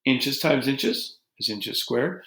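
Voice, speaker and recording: A man teaching a geometry lesson to his students in a relaxed, joking way, talking as he draws. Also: medium pitch, takes it slowly. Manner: relaxed, joking, talks while drawing on a board. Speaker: math teacher. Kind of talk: recorded math lesson. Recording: echoey room.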